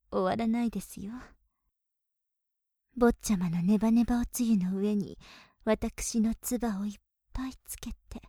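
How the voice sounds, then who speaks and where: Woman as a softly teasing young maid, whispered role-play. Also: on the high side, dry recording, studio quality, lightly acted. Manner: polite, softly teasing, with breathy giggles.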